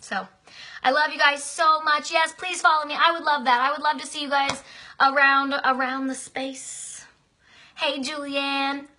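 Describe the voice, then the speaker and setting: A woman's voice: high voice, little pitch movement, measured pace, sharp tone. A chatty, effusive woman giving a motivational live-stream talk to her business team, answering viewer comments and repeating herself affectionately. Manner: chatty and effusive, talks at length.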